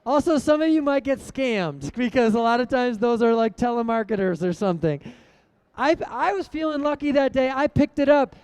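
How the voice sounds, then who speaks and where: A young man with a very high, smooth voice gives a motivational keynote. He tells his story in a lively way and throws questions at the audience. The sound is dry and close. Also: moderate pace, dry recording. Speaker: keynote speaker.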